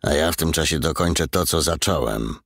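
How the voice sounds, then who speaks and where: A man's voice: rumbling low, fairly quick, vocal fry, fairly bright tone, dry recording, clean studio sound, exaggerated voice. A man voicing a crude, violent male thug who talks in a coarse, mocking, defiant way.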